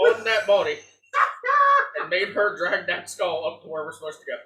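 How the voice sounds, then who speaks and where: A man playing in a tabletop game in casual chat, excitable, laughing often and swearing freely. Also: high-pitched, normal speed, echoey room, rough recording. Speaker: player.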